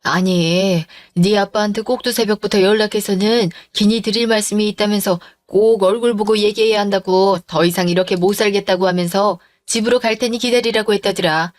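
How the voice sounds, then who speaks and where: A woman's voice: mid-range voice, steady tone, brisk, few pauses, faint music behind, natural voice. A woman voicing a worried middle-aged mother who questions her daughter over the phone, in a dramatized story. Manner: anxious, questioning.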